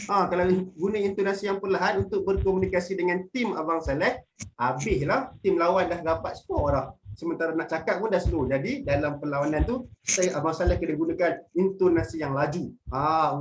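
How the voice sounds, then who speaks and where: Through noisy audio from an online video call, an upbeat young man with a fairly high voice hosts a webinar for primary pupils. He is playful, introduces himself as big brother and leads the children in call-and-response drills.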